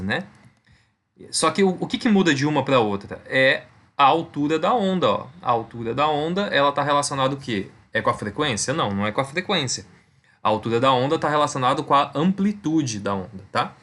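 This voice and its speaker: A man's voice: medium pitch, a bit bright. A man teaches a recorded physics lesson in a mid-range voice. He explains step by step, repeats the key points, and checks in with his students after almost every sentence. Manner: conversational, checks in with "tá?" and "né?". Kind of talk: recorded online lesson over slides.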